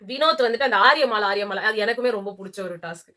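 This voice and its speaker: A woman reviewing a reality show promo in casual chat, animated and mocking as she talks over her co-host. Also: on the high side, fast talker.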